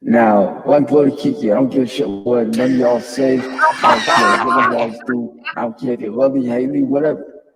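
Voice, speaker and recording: Man, pitched-up clip voice, scolding rant, long reverb tail. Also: moderate pace, heavy background noise. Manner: indignant, scolding. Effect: pitched-up voice from a played clip. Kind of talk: ranting video monologue.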